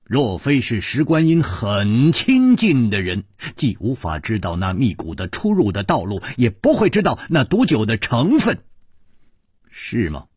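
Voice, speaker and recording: Guy doing a calm sly hero, low and slow, kinda sneery, husky dry voice. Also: no echo, heavily acted. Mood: cool. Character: calm, shrewd male hero, cool and cutting.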